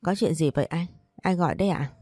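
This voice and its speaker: A woman voicing a frightened young wife who speaks softly and trembles, in a storybook reading. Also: on the low side, quick pace, no room sound, studio quality.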